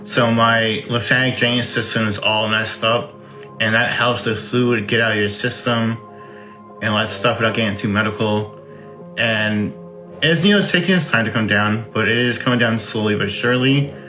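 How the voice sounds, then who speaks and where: Bright-voiced man with numb-lipped, impeded articulation. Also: on the low side, fairly even intonation, moderate pace, faint music behind, poor audio. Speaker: interviewee, transplant patient. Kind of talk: casual explanatory talk.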